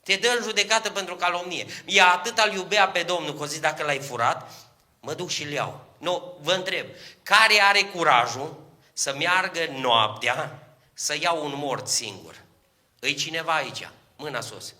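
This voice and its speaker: A man preaching an evangelistic sermon, telling stories and acting out dialogue, rising to loud drawn-out peaks and speaking directly to the congregation in a church. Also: a little high. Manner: storytelling that climbs to shouted, drawn-out peaks; acts out quoted dialogue, addresses the congregation directly.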